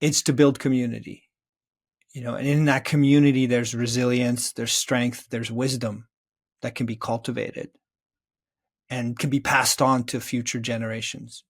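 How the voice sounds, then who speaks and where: Speaking as a podcast guest, a middle-aged man who writes children's stories reflects earnestly, hammering home points with repetition and emphasis. He uses a mid-range voice at normal speed and keeps a level tone.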